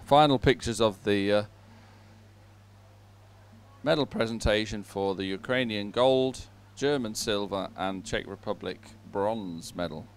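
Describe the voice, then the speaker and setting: With a lowish, clean voice and a slightly slow pace, this man hosts live sports commentary in a chatty, jovial style, sounding like he's relaxing with a co-host colleague.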